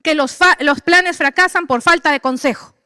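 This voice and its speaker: A woman's voice: sits high, moderate pace, bright, forceful tone, dry recording, studio quality, long reverb tail. A middle-aged woman pastor, preaching animatedly and acting out the voices of believers and of God. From Peru. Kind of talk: sermon.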